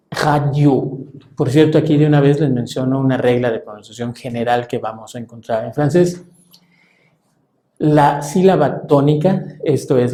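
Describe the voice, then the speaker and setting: A man teaching French pronunciation in Spanish, measured and halting, with frequent fillers. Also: mid-range voice, warm tone, roomy sound. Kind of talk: explaining pronunciation to a class.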